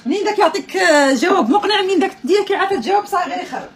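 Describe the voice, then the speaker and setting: A woman's voice: extremely high pitch, lively intonation, very fast, slight background noise. A woman with an Algerian accent chatting casually with viewers on a live stream, exasperated and joking.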